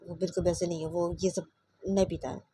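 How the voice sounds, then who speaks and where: A woman's voice: lowish voice, flat delivery, fast, dark tone, slight background noise, natural voice. A woman voicing a tearful, scolding middle-aged mother who repeats herself insistently. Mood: pleading softly.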